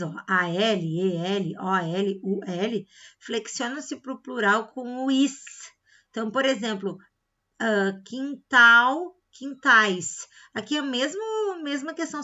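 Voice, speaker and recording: In a recorded grammar lesson with slightly dull lo-fi sound, a woman with a Brazilian Portuguese accent explains things step by step. Her voice is a little high, bright, and forceful, and she checks in frequently with "tá?" and "né?".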